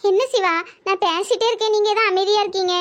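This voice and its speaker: A woman's voice: very high-pitched, fairly even intonation, quick pace, a bit bright. A woman voicing a chatty young village woman in love, with a Tirunelveli Tamil accent, for a cartoon comedy. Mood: teasing. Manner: teasing, chatty.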